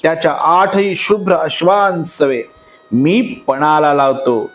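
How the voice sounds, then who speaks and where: A man voicing a dutiful, righteous young king who speaks in a measured, hesitant way. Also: on the high side. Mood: earnest, uneasy.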